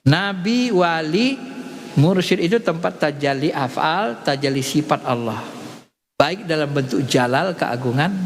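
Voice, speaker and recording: Male preacher, slightly high voice, animated storyteller, recorded with long hall reverb. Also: a little hiss or hum. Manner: animated storytelling, acting out dialogue. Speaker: religious teacher. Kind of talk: sermon teaching.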